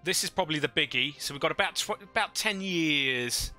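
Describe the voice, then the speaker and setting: Male streamer, headset mic livestream audio, bright forceful tone, fairly high voice, faint music under him, chatty and thinking aloud. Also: expressive, brisk. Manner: thinks aloud, chats with viewers. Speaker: livestreamer playing a strategy game. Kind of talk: casual live gameplay commentary.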